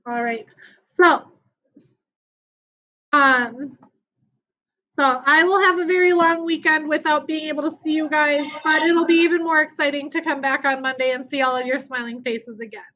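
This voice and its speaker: A woman's voice: high-pitched, steady tone, moderate pace, long pauses, pushed and bright. A woman teaching young children in an online class, upbeat and encouraging, over a video call. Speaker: elementary school teacher. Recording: dull lo-fi video call audio.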